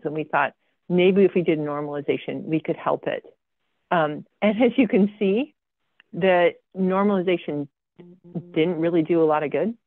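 A low-pitched woman, invited as a guest, takes listeners through a slide presentation of her research, punctuated by frequent ums and dry, sarcastic quips. The audio has no echo and the thin, tinny quality of a phone-like video call.

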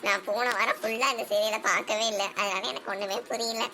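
A woman voicing a family cartoon, talking in an animated way with dramatic exclamations. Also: medium pitch, a little fast. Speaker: cartoon channel voice actor. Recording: steady background hiss.

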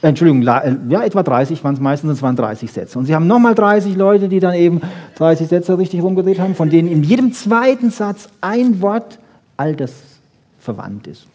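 Speaking fairly quickly, a brain research lecturer uses a high, darkish voice with lively intonation. His informal, animated talk to an audience explains conversationally, mixing rhetorical questions with short, emphatic statements.

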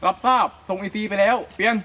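A man's voice: high-pitched, steady tone, fast, bright, forceful tone. A man answering as a radio operator in a military radio drill, heard over a walkie-talkie, with clipped, formal call phrasing.

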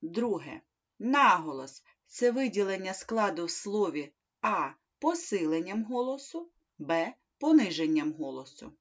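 A woman reading a primary school lesson aloud, slowly and clearly, as a teacher. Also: medium pitch, very animated. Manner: slow, clear instructional reading. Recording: dull lo-fi recording.

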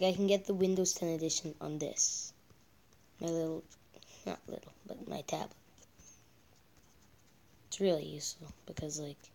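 A man's voice: on the high side, creaky, a little mellow. A male gameplay vlogger chatting casually while he builds, often muttering and half-whispering as he counts blocks under his breath, with rambling asides.

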